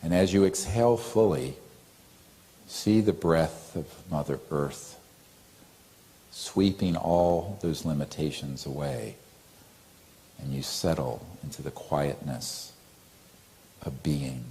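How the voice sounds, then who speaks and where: His pitch is extremely low as he leads a guided meditation, speaking gently and softly with long pauses. He also chants a mantra, stretching out the tone.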